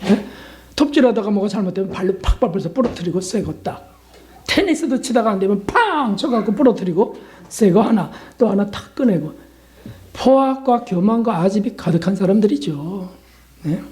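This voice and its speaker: Animated Korean pastor with a mellow voice. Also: male voice, normal speed. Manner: animated, with sudden jumps in pitch and loudness; keeps asking the congregation questions such as "right?". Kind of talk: Lenten sermon.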